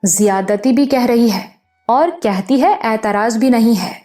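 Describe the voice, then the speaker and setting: Female narrator doing older motherly village woman, scolding but loving, mellow tone, soft music behind. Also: fairly high pitch, lightly acted. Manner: scolding yet affectionate, rustic speech. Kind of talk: audiobook character voice.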